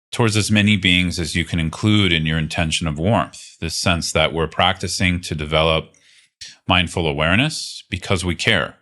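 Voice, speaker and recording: Low-pitched and gentle, a male teacher leads a guided meditation at an unhurried pace, letting long pauses settle in.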